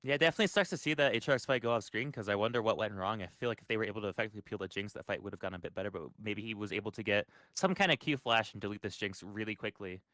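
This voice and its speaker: Fast-talking male esports caster. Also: lowish voice, sharp tone, no room sound. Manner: quick play-by-play, analytical. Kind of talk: live esports commentary.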